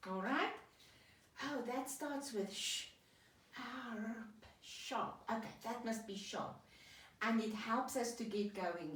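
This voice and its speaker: A woman teacher giving a children's reading lesson, patiently sounding out and clapping words. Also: mid-range voice. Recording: echoey room, voice from a distance.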